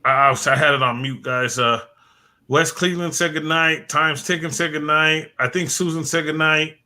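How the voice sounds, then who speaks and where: A late-night livestream host, a man whose voice is somewhat high and sharp, speaks at a moderate pace with fairly even intonation. He rambles in casual chat, repeating words as he thanks viewers by name. His voice is worn and fading as he loses it.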